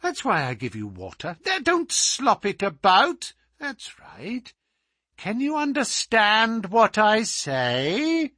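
A man's voice: high voice, wildly swooping pitch, slow pace, bright, forceful tone, no echo, clean studio sound, pitched above the performer's own voice, heavily acted. Man doing a sneering, taunting villain. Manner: mocking and taunting. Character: sneering, cruel middle-aged male visitor.

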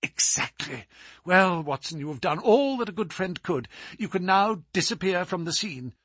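Brief: man doing a sharp, commanding male detective, bright and husky, raised voice, lively swings in pitch. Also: moderate pace, dry recording, studio quality, full character voice. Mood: urgent. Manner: crisp, urgent and imperious.

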